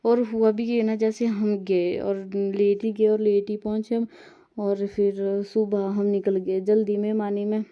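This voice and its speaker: A woman's voice: mid-range voice, flat delivery, a little slow, dull audio. A young woman from Himachal, rambling chattily through a casual vlog voice-over. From Himachal Pradesh, India. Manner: rambling, chatty, self-correcting. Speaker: vlogger. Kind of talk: casual voice-over narration while editing.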